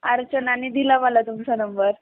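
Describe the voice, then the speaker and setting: On a narrow, tinny phone line, a woman caller from Badlapur in the Mumbai area voices a complaint, mildly reproachful and a little evasive. Her voice is on the high side, with fairly even intonation and a normal pace.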